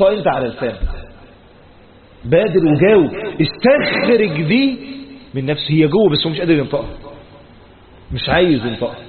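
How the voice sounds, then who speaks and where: A man with an Egyptian Arabic accent giving a Quran commentary lesson, reciting verses and then explaining them in colloquial speech, asking questions and answering them himself. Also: fairly high pitch. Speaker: Quran teacher. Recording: tinny phone-like lo-fi audio.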